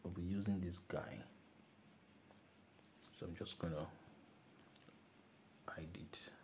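A man with a low, slightly mellow voice and fairly even intonation takes his time explaining a phone design app step by step in a screen-recorded tutorial. As a design tutor, he repeats himself and calls objects "this guy," and there's a little hiss or hum.

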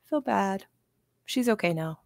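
A woman's voice: medium pitch, lively intonation, unhurried, creaky, dry recording. A woman hosting a live commentary stream, chatty and laid-back, talking to her viewers. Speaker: commentary channel host.

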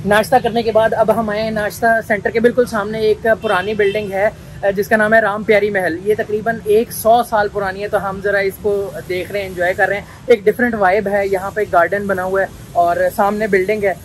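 High-voiced man talking through a face mask. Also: a little fast, hardly any pauses. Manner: relaxed, informative walking commentary. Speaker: food vlogger host. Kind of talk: casual travel vlog narration. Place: outdoors by an old building and garden, road traffic nearby. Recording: noisy outdoor street recording.

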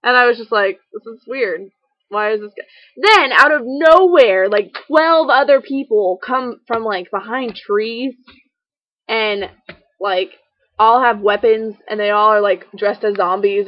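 A woman's voice: mid-range voice, measured pace, dry recording, lo-fi sound. Giggly young woman telling a rambling story. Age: young adult. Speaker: college student vlogger. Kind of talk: casual chat to camera.

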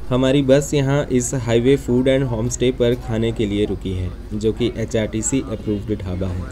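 A man narrating a bus journey for his travel vlog, calm and informative. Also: mid-range voice, moderate pace, background noise. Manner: informative, matter-of-fact. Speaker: travel vlogger.

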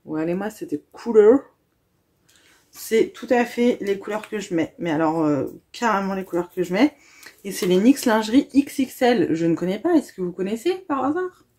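A woman's voice: medium pitch, animated, normal speed, warm tone, breathy edge. A young woman, gushing and chatting casually as she unboxes a gift box for her viewers.

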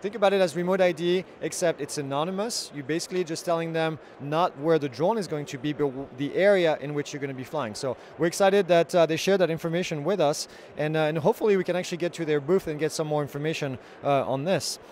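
A man's voice: a little high, quick pace, hardly any pauses, a little mellow. Man, thirties, drone news host, handheld mic, convention hall, faint background noise. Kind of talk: trade show report. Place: large indoor convention hall.

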